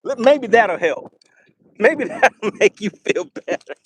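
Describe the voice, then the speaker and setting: A man commentating a live fishing stream to his chat from a boat on a lake, excitable and teasing, laughing often. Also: high-pitched, takes it slowly, breathy edge, dry recording.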